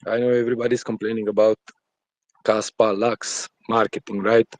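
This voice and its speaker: A man's voice: on the low side, little pitch movement, moderate pace, no room sound. A man, around his forties, with an Eastern European accent, chatting casually and informally as a guest caller on his phone outdoors. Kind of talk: casual live audio chat. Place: outdoors on a terrace at night.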